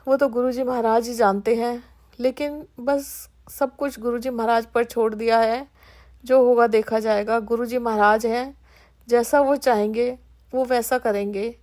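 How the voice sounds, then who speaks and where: A woman's voice: fairly high pitch, steady tone, measured pace, darkish tone. Earnest woman sharing a devotional testimony. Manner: heartfelt, earnest, addresses listeners as sangat ji.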